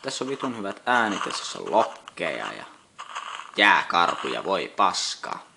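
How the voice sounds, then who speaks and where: Cursing low-voiced gamer, noisy. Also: male voice, wildly swooping pitch, creaky. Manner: frequent cursing, exasperated muttering. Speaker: gameplay commentator. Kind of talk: swearing casual let's-play commentary. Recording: loud noise behind the voice.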